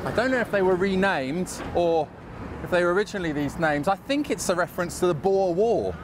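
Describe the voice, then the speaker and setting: A man with a London accent chats his way along a street walking tour. His voice is a touch high and swings up and down a lot. He rambles into self-mocking asides, with faint traffic noise around him outdoors. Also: expressive, a little fast. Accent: London English. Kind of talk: casual walking-tour chat.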